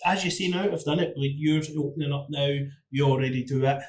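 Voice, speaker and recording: A man hosting a podcast, chatty and animated. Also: a little high, fast talker. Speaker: podcast host. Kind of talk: casual podcast conversation. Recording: roomy echo.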